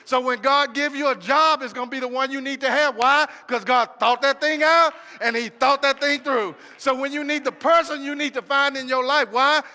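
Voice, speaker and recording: A man's voice: very high voice, sharp tone, big-room sound. A man preaching a sermon, emphatic and repetitive, asking questions and answering them himself. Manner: emphatic, repetitive call-and-response.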